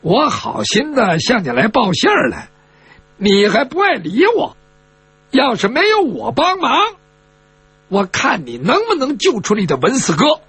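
A man's voice: very high-pitched, huge pitch swings, measured pace, a bit bright, breathy edge, dry recording, heavily acted. A man voicing an arrogant, spoiled young male swordsman who taunts and needles. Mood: scornful.

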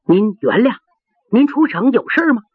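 A woman's voice: on the high side, big pitch swings, normal speed, slightly rough, dry recording, voice pushed up. A woman storyteller voicing a fawning male gate officer who placates with smiles and scolds his men, on a dry, phone-like recording. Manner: obsequious, placating.

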